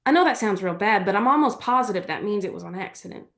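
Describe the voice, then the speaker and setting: Speaking fast in a sing-song, mid-range voice, an actress reads the part of a loyal, reassuring young country woman in a play. The delivery is folksy, plain-spoken and earnest as she reasons things through.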